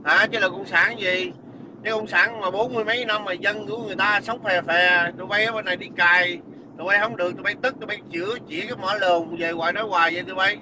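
A man's voice: high voice, fairly even intonation, quick pace, background noise. A man delivering a scornful, profane, angry rant as a livestream commenter. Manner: shouting insults, scornful and profane.

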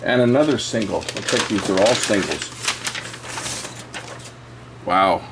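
With a lowish voice and a slow pace, this host rambles through old records at his cluttered electronics workbench, musing aloud in hands-on commentary. Background noise is present in the recording.

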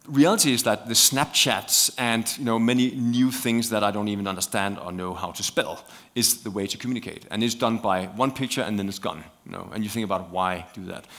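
A man with a Danish accent speaks on a conference panel. His voice sits fairly low, and he talks animatedly, with lots of "you know" and repeated words. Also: vocal fry, a bit bright. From Denmark. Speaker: panel guest.

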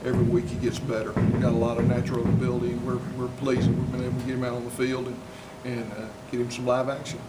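An older man, a head football coach, answering postgame questions in a steady, plainspoken way with many fillers. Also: medium pitch, quick pace, few pauses. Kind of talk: postgame interview. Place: indoor interview backdrop. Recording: distant mic with loud noise.

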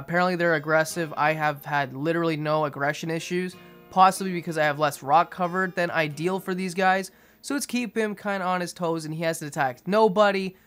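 Monotone young man, slightly high voice. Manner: monotone, restrained delivery. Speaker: fishkeeping video host. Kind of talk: casual aquarium update voice-over. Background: music behind the voice.

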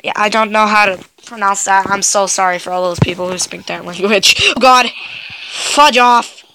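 A woman's voice: mid-range voice, steady tone, normal speed, noisy background. A young woman doing gameplay commentary, jumpy and yelping with laughter when scared. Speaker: gaming video creator.

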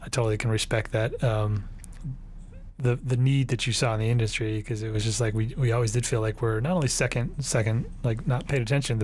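A man's voice: mid-range voice, steady tone, fairly quick, a little mellow, slight background noise. A man hosting an interview, asking long rambling questions full of fillers. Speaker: podcast host. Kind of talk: casual interview chat.

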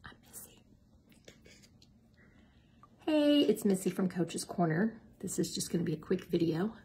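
A woman's voice: lowish voice, expressive, normal speed, dark tone, breathy edge. A middle-aged woman, chatting casually and self-mockingly as a diet coach in a cooking vlog. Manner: chatty, self-mocking, drops to a whisper at times.

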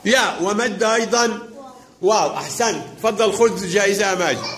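Brisk, bright-voiced male teacher. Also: high voice, lively intonation. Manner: brisk, quizzing pupils by name and drawing out words when reading. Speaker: primary school teacher. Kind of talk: classroom lesson. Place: school classroom.

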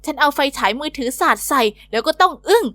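Storybook narrator: woman, high and bubbly teen-girl delivery, dry close studio voice-over. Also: lively intonation, fast, pushed and bright, no echo. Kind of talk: scripted first-person story narration.

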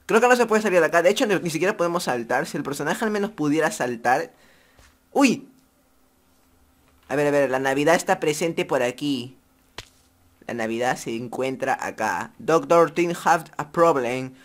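A man's voice: fairly high pitch, lively intonation, brisk. A young man with a Peruvian Spanish accent, playing a horror game and commenting for viewers, jumpy and joking. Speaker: gaming youtuber. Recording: faint music behind voice.

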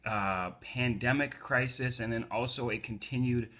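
A man's voice: medium pitch, normal speed, bright, forceful tone. A man, a community organizer and poet from the United States, talking casually with fillers before reading his poems aloud from home. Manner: loose talk with fillers, rising to emphatic poetry recital. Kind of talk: casual talk and poetry reading.

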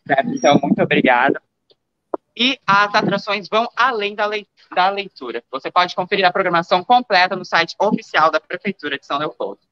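A young man in his twenties reporting live from an outdoor book fair with a handheld mic, asking brisk short questions. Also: sits high, animated, pushed and bright, no room sound, highs cut off. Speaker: field reporter. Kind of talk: live on-site reporting and interviews.

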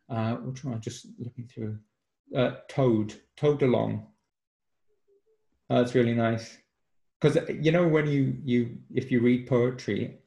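A man's voice: medium pitch, vocal fry, mellow. A man from Cumbria interviewing a guest over a video call, friendly and rambling with lots of ums and restarts. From Cumbria, England. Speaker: magazine editor and interviewer. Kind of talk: casual interview chat. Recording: echoey room on a call.

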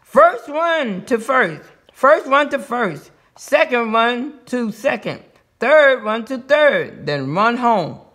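A man voicing a patient father frog who coaches T-ball in a read-aloud storybook, giving slow, careful instructions. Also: extremely high pitch, sing-song, sharp tone, full character voice.

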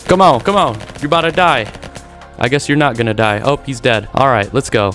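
A man giving excitable live commentary over his own video game play, trash-talking opponents and reacting as he goes. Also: mid-range voice, fairly quick. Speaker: gaming YouTuber. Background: game music and gunfire.

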